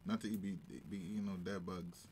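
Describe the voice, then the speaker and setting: A man chatting casually on a live stream, playful and emphatic, with slangy phrasing and an expressive delivery. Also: deep voice, normal speed, slight background noise. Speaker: streamer, co-host.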